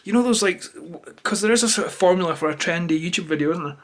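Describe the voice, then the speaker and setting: A Scottish man talks straight to camera in a notably high voice for a male speaker. He rambles through an unplanned, opinionated rant, sounding irritated and swearing freely as he goes. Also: fast. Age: adult, parent of a toddler. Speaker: YouTuber. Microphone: camera held or placed close to him.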